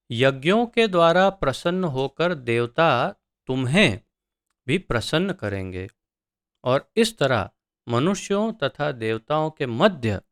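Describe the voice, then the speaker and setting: Slow, smooth-voiced scripture teacher. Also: male voice, medium pitch, fairly bright tone, no room sound, clean studio sound. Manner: chants the verse slowly, then explains word by word; unhurried, with thinking pauses. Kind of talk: verse-by-verse scripture study.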